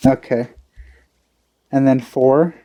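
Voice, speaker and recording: Low, dark-voiced woman gamer. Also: steady tone, slow pace. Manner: playful, teasing asides. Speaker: let's play gamer. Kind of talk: casual gameplay commentary.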